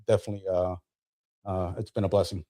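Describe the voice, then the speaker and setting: A man's voice: deep voice, flat delivery, fast talker, mellow. A man from Colombia, a retired Marine guest, telling stories casually with many hesitations and easy humor. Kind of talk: casual interview storytelling.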